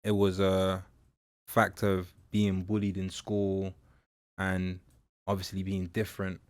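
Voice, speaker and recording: A young man born in Nigeria, a mentor and public speaker, telling his story in an interview in a halting, reflective way with many fillers. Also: low voice, completely flat delivery, dry recording. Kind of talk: candid personal interview.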